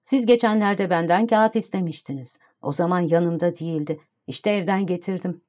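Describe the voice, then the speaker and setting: A woman's voice: lowish voice, normal speed, darkish tone, natural voice. A woman voicing a poor, shy young man, an amateur violinist, who speaks timidly and overly politely in an audiobook reading.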